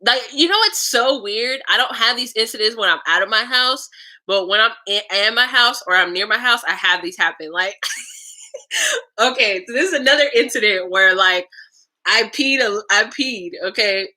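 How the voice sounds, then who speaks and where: A young woman talks straight to her viewers in a loose, casual vlog. Her voice is bright and ringing, and she tells her stories frankly, swearing freely and laughing between lines. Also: fairly high pitch, normal speed. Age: young adult. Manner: chatty, laughs often, frank and profane. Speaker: vlogger.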